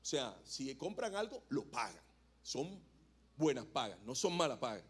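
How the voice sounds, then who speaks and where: A man's voice: mid-range voice, very animated, measured pace, fairly bright tone, husky. A male pastor preaching a sermon in a church, chatting and joking with the congregation between points. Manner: conversational, jokes with the congregation. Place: church hall.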